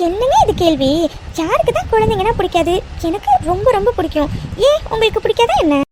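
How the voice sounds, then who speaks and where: A woman's voice: very high-pitched, sing-song, quick pace, very noisy. A woman voicing a naive, shy young wife in a cartoon romance, innocent and pouting. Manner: innocent, pouting, easily tearful.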